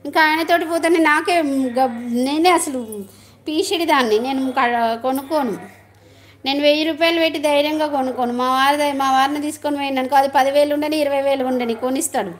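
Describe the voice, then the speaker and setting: A woman's voice: sits high, brisk. A middle-aged woman, chatting casually on a live stream, laughing often and greeting viewers.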